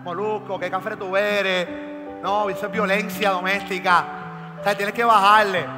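A man with a Puerto Rican accent doing crude, shouted stand-up comedy on a large arena stage. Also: high voice, level tone, measured pace. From Puerto Rico. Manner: loud, crude, often shouting. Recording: reverberant arena with loud music.

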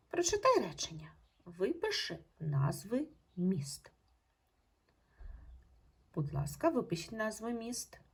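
A woman teacher giving a recorded online lesson to young pupils, speaking in slow, patient, clearly spaced instructions. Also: mid-range voice. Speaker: primary school teacher.

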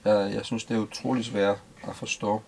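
A middle-aged man from Denmark interviewing casually in a small boat cabin, halting and repeating words. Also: fairly low pitch, level tone, gravelly, darkish tone, a little hiss or hum.

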